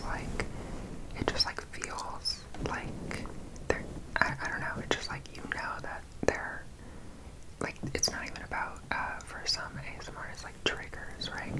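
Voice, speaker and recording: An intimate, unvoiced whisper from a young man, very close to the microphone. He rambles in a casual, halting way, like an ASMR creator chatting to viewers. The delivery stays hushed throughout. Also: low-quality recording. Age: 20s. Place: small dim indoor room. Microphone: close condenser mic with fluffy cover. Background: mic scratching.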